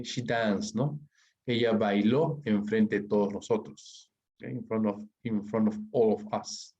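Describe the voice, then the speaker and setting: A man from Peru gives an online English grammar lecture in a mid-pitched voice. He keeps checking in with his listeners and slows right down for the English examples. The recording sounds dull and lo-fi. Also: a little mellow. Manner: explains slowly, checks in with "¿ok?" and "¿no?" constantly; reads English examples slowly and deliberately. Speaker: English teacher. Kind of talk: online exam-prep lecture.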